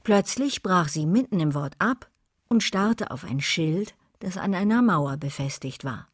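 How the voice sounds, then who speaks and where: A woman narrating a children's audiobook calmly and evenly. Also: on the low side, measured pace, husky, no room sound, studio quality.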